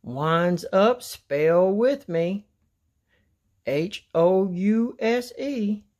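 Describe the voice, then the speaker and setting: A woman voicing a cheerful young princess who spells out letters slowly. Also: low voice, very animated, darkish tone, full character voice.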